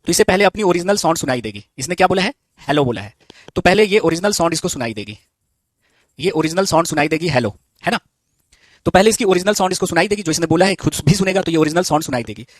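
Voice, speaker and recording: High-voiced male teacher. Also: animated, dry recording. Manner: asks the class questions and answers them himself; repeats key terms slowly. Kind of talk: live online physics lesson.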